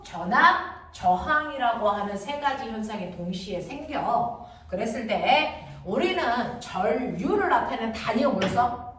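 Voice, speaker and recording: A fairly high-voiced woman teaching a middle school science lesson. She talks briskly and keeps firing quick check-in questions at the class. She is captured from across a very echoey classroom with clear background noise. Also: fairly bright tone, far from the mic. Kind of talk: classroom lecture. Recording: echoey classroom from afar, noisy.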